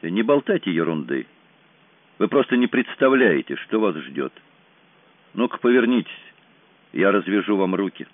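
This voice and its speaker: A jittery, grim kidnapper speaks in a low, weary, resigned voice, as an audiobook narrator reads him. The sound is tinny and phone-like. The room is dry and close. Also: male voice, very animated, moderate pace, pauses often, no room sound. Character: nervous male kidnapper, shaky and grim.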